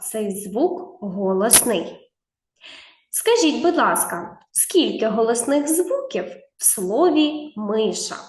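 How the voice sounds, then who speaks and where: A woman's voice: on the high side, sing-song, takes it slowly, darkish tone, echoey room. A woman teaching a video reading lesson to young children, drawing out sounds and giving patient step-by-step instructions with encouragement. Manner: encouraging, talks straight to the child.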